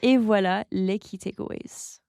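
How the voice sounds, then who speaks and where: A woman co-hosting, reading out a summary of the conversation in a measured way. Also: medium pitch, steady tone, gravelly, darkish tone, clear, resonant tone, no room sound, clean studio sound. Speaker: co-host.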